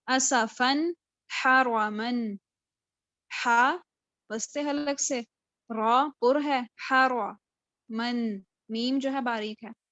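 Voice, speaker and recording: A woman teaching Qur'an recitation in a live online class, patiently drilling each letter and spelling words out slowly, syllable by syllable. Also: on the high side, fairly even intonation, a bit bright, no room sound. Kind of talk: live online tajweed lesson. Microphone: video call. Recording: dull lo-fi video call audio.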